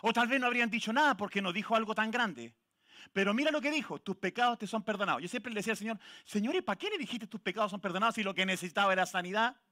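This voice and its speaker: A man with a Chilean Spanish accent preaching a sermon in church, lively and joking with the congregation and calling people by name. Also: high voice, racing. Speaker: pastor.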